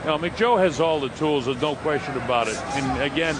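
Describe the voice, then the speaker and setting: Male fight commentator, fairly high voice, conversational and analytical, heavy venue noise behind him. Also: normal speed. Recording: loud arena noise throughout. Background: noisy live boxing venue.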